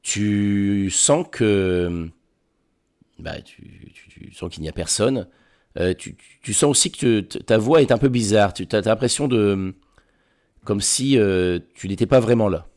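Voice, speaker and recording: A man narrating a tabletop role-playing game as game master, halting and often repeating words. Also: on the low side, a little mellow.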